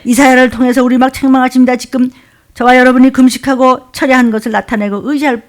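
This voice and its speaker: A woman pastor preaching an emotional sermon. She swings between loud, fervent outbursts and low muttering asides. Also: little pitch movement, fast.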